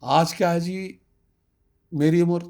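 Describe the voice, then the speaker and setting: Slow and a little mellow, his slightly high voice has a fairly even intonation. The man, around sixty and from Kashmir, India, is an interviewee for his community, giving emphatic testimony with rhetorical questions and bits of English.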